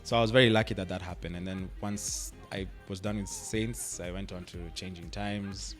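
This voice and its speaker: A deep-voiced young Kenyan actor speaks at a moderate pace in a casual radio interview, faint music playing behind. He comes across relaxed, breaking into laughter often and repeatedly saying "like" and "I mean."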